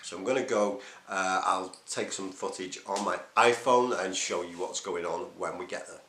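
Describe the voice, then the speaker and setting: A man's voice: deep voice, moderate pace, fairly bright tone, reverberant, slight background noise. A man recording a casual, hesitant video diary, thinking aloud as he talks. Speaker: runner vlogging his race preparation.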